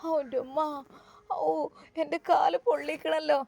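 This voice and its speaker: A woman's voice: sits high, normal speed, a little mellow, no echo. A woman doing a weeping old grandmother with a Malabar accent. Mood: pained. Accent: Malabar Malayalam. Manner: moaning, tearful and pleading. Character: old grandmother in a wheelchair, scalded, weeping and pleading.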